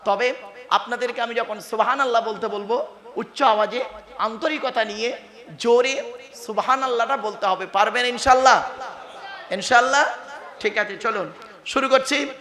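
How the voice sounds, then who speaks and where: This is a male preacher from West Bengal delivering a sermon to a gathered crowd. His voice sits very high and sounds sharp and bright. He keeps pulling the listeners in with questions and calls for a response, and he mixes English words into the talk. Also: normal speed, long pauses, roomy sound. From West Bengal, India. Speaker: Islamic preacher.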